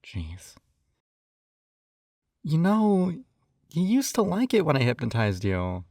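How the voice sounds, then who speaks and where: A man whose fairly high voice swoops wildly in pitch, speaking slowly with a slightly mellow quality, acts as a coaxing, possessive yandere captor and hypnotist in an intimate audio roleplay. Doting and mildly condescending, he sighs often; the studio-quality take has no echo.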